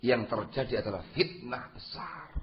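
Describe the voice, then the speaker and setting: A man preaching an Islamic sermon, emphatic and given to rhetorical questions, reciting Arabic phrases and swinging between loud and soft delivery. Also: medium pitch, lively intonation, moderate pace, highs cut off, noisy background. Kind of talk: sermon lecture.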